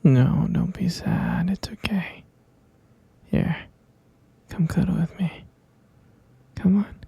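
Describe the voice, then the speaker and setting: A man plays an obsessive young captor who keeps his lover locked away, speaking in a breathy whisper that is sweet on the surface and menacing underneath. His dark, gravelly, husky voice drags slowly through every line, heavy with vocal fry. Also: high voice, no echo, lo-fi sound, full character voice. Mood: possessive, coaxing. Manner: soft, coaxing, menacingly sweet. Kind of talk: whispered ASMR roleplay.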